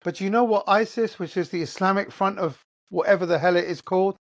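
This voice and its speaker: Slightly fast and fairly high in pitch, this English-accented male host fires rhetorical questions through a heated, profane solo rant. He comes from England and doesn't soften anything.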